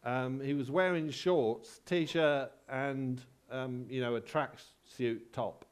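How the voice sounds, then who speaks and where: A man preaching a sermon in a relaxed, conversational way, halting often and telling personal stories with self-deprecating humour. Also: mid-range voice, smooth.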